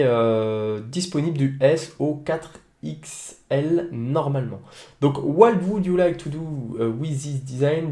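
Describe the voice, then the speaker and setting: A young man talks viewers through a software tutorial from his home office, pausing often with fillers and restarting his sentences. His voice is mellow and relaxed, at a mid pitch. The recording has a roomy, echoey sound. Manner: hesitant, many fillers and restarts. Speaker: online business tutor. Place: home office with a noisy computer.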